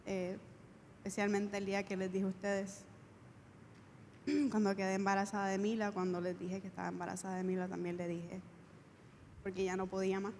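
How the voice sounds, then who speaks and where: A young woman giving a church testimony, speaking softly and haltingly with many pauses. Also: medium pitch, little pitch movement. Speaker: pastor's daughter giving testimony. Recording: hall reverb, faint room noise.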